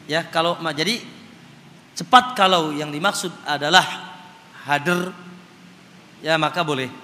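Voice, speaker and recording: Guy teaching a quran study class, high bright voice, echoey hall, bit of hiss. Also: measured pace. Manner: addresses audience as Pak, chants recitation examples. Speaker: religious teacher. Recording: hall reverb, faint noise.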